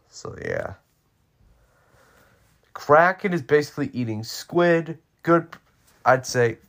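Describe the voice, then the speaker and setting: A man in his twenties hosting a solo podcast, rambling offhand with jokey asides. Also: medium pitch. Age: 20s. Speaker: podcast host.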